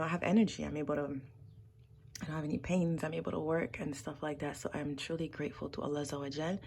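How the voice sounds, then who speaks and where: A woman's voice: low-pitched, slightly rough. A woman teaching Quran classes and chatting through a casual vlog, a little congested, laughing easily and sometimes dropping to a near whisper.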